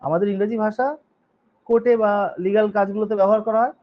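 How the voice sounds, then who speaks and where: A man's voice: sits high, fairly even intonation, fast. A male teacher giving a grammar lesson. He spells words out letter by letter, reads each rule in English, explains it, and keeps checking in with his students. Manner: reads rules in English, then explains them in Bengali. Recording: dull lo-fi recording.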